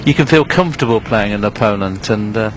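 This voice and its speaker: Hushed, low-pitched male snooker commentator. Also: lively intonation, background noise. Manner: measured, unhurried, analytical.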